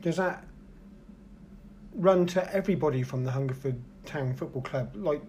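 A wry man co-hosts a football chat, his voice a little high and soft-toned. He talks in a self-deprecating way, with a faint hiss behind him. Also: normal speed. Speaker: co-host.

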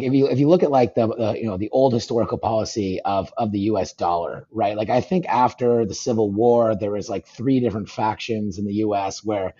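A man talking fast as a podcast guest, rambling with lots of fillers and restarts. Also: lowish voice, dark tone, dull audio. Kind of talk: casual podcast conversation. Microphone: phone call.

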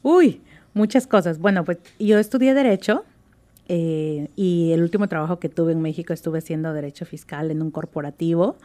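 Woman, Mexican accent, lowish voice, gushing and enthusiastic, radio interview guest. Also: moderate pace, warm tone. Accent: Mexican Spanish. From Mexico, Oaxaca. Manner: effusive and enthusiastic, stresses words like "super". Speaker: interview guest, writing group member.

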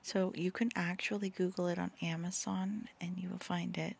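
A woman's voice: on the low side, level tone, normal speed, gravelly, husky. A woman in her thirties whispering a podcast at home late at night, yawning often as babies sleep beside her. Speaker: podcast host and author.

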